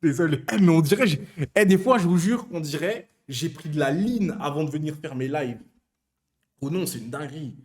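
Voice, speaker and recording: A man's voice: fairly high pitch, animated, normal speed. A young man from Switzerland chatting casually on a live stream, teasing his viewers and stammering through restarts.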